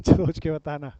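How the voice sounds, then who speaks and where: In a commerce class, a man lectures and fires questions at students, addressing them as dear friends and brother. His voice is fairly high and warm, free of echo, captured in dull lo-fi sound.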